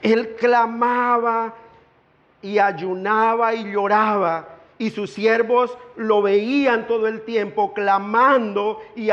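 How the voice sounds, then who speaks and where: A man preaching a sermon as pastor, earnest and deliberate, slowing down to stress key words. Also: high voice, fairly bright tone. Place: church sanctuary. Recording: dull lo-fi church hall with long reverb.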